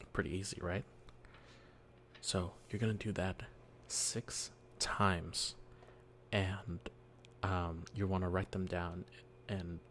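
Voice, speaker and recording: A soft-spoken man as a dungeon master in a whispered role-play, explaining gently and patiently with many fillers, speaking quietly at home. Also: low voice, a little hiss or hum. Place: quiet home early morning.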